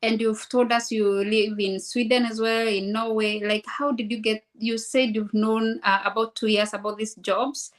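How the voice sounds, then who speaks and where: A woman's voice: a little high, flat delivery, normal speed, hardly any pauses. A woman from Kenya hosting a casual live-streamed interview, chatty and friendly with many fillers. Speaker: host, registered nurse.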